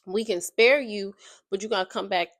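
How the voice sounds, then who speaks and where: A young woman on YouTube plays a game as she loosely summarizes a book, rambling and frequently searching for the right word. Her mid-range voice moves at a normal speed and sounds slightly nasal and stuffy, captured in a dry, studio-quality recording.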